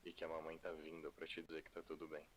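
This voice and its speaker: An ominous game voice. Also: male voice, a bass voice, completely flat delivery, a little hiss or hum. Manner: slow, measured, cryptic. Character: calm ominous unseen male voice.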